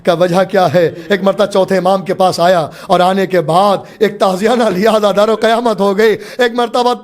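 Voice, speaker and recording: A man preaching a mourning sermon, reciting in a shouted, half-chanted delivery. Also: high-pitched, steady tone.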